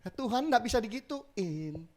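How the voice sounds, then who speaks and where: A pastor preaching a sermon in church, telling stories in a lively way and acting out short exchanges. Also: male voice, high voice, moderate pace. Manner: lively storytelling with Javanese phrases.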